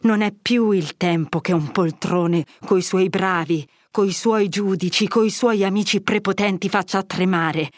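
A woman's voice: mid-range voice, measured pace, few pauses, dry recording, studio quality, lightly acted. A woman reading an audiobook, voicing a young man who speaks in desperate, angry outbursts. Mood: vengeful. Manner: impassioned, vengeful outbursts. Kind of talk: audiobook character voice.

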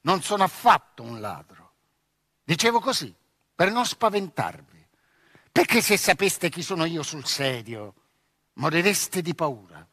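A man's voice: a little high, sing-song, unhurried, pauses often, pushed and bright, dry recording, studio quality, exaggerated voice. A man reading aloud voices a proud, touchy young noble boy who boasts indignantly. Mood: boastful.

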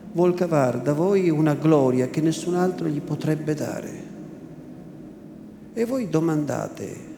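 Attore nei panni di un vescovo anziano e solenne, parlata lenta, sala con eco. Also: male voice, mid-range voice, vocal fry. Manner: solemn, calm, slow and deliberate. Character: solemn elderly male bishop, gentle and humble. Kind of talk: theatrical literary reading. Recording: echoey room with background noise.

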